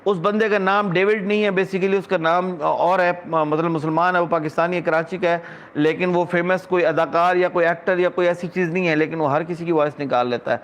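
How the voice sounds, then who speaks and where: Middle-aged guy from pakistan ranting on his vlog, high voice, fed up and scornful. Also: fairly even intonation. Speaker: vlogger. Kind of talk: casual monologue.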